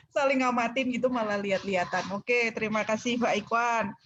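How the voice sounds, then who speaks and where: A woman moderating a church webinar, reading out questions politely in a relaxed way. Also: a little high, normal speed, lo-fi sound. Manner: polite, relaxed, adds "Pak".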